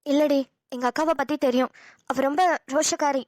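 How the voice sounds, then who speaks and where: Woman doing a motherly cartoon mom, a bit scolding, high voice, dry mic. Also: steady tone, brisk, a little mellow, no echo, natural voice. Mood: wistful. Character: affectionate, wistful middle-aged mother. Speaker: voice actor. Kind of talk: cartoon dialogue acting.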